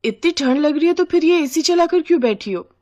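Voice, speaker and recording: A woman's voice: sits high, animated, fairly quick, mellow, lo-fi sound, voice pushed up. A woman voicing a young newlywed bride in a cartoon story, exasperated and sarcastic. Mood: pleading, irritated.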